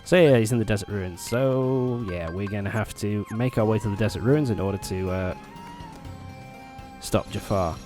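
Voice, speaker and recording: A man's voice: fairly low pitch, moderate pace. A young man giving casual, rambling, sweary gameplay commentary while recovering from a cold. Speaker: let's play host. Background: loud game music.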